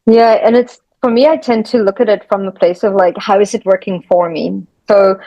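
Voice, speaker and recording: A woman's voice: mid-range voice, steady tone, normal speed, no echo. A young adult woman, a podcast host telling a personal story in casual conversation. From South Africa. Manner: storytelling, reflective. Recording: dull, dry sound.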